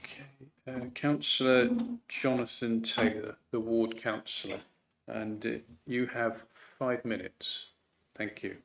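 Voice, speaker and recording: A man chairs a council meeting with polite, procedural phrasing. His voice sits at a middle pitch, with faint room noise behind it. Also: steady tone, takes it slowly, a bit bright, low-quality recording. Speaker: committee chair. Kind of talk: formal meeting moderation.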